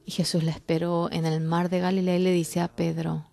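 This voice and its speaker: A woman interpreting a church sermon, speaking fervently with sudden loud, emphatic bursts. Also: fairly low pitch, flat delivery, fairly quick, creaky.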